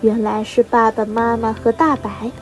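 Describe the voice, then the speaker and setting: A teenage girl reading a children's story aloud, steady and expressive, as a student reader. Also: fairly high pitch, moderate pace, faint music behind, low-quality recording. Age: teens. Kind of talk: storybook narration.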